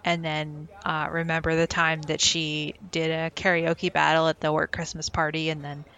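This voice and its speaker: A woman's voice: low voice, monotone, normal speed, fairly bright tone, clear, resonant tone. A woman playing a tabletop game, talking casually and hesitantly with many fillers. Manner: hesitant, full of "like" and "uh". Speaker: player and co-host.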